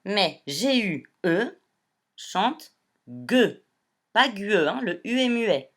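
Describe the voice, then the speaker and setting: A woman primary school teacher giving a reading lesson to young children, speaking slowly and clearly as she addresses them. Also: medium pitch, sing-song, fairly bright tone.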